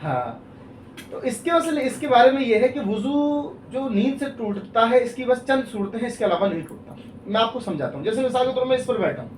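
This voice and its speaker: A man with a strikingly high voice, explaining religious rules patiently step by step. He keeps checking that the listener follows and uses worked examples. His voice comes from a distance in an echoey room, with faint background noise. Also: big pitch swings. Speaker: Islamic scholar (mufti).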